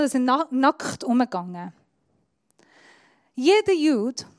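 A woman's voice: high voice, no room sound, clean studio sound. Iranian woman preaching in German. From Iran. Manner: non-native German with grammar slips, explaining with props. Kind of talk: sermon.

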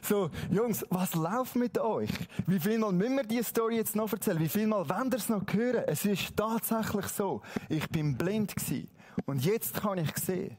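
A man's voice: sits high, expressive, moderate pace, darkish tone. A man playing a fed-up healed blind man. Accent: Swiss German. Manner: colloquial, mocking, exasperated. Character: formerly blind young man, cheeky and fed up.

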